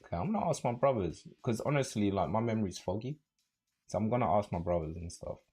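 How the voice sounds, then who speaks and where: Young male streamer, London accent, low husky voice, rambling chat, faint music behind. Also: quick pace. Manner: relaxed, rambling, many fillers and restarts. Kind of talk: casual livestream chat with viewers.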